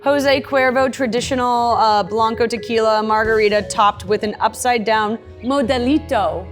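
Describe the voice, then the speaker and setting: A woman from the crew reading drink ingredients aloud, halting over foreign names. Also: fairly high pitch, faint music behind. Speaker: crew member reading the menu. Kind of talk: reading menu items aloud.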